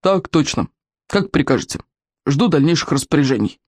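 A reader voicing an obedient dragon who answers crisply and formally, like a soldier reporting, in an audiobook. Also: medium pitch, expressive, moderate pace, no echo, clean studio sound. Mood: dutiful. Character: obedient military-minded dragon.

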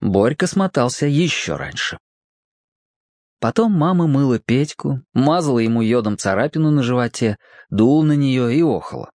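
A narrator reading a children's story aloud with expressive delivery. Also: mid-range voice, normal speed, no room sound, studio quality.

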